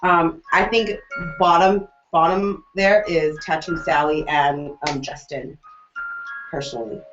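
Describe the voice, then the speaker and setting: A woman co-hosting a casual TV recap chat, animated, jokey and opinionated. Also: low voice, unhurried, music in the background. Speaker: co-host. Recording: roomy, dull lo-fi recording.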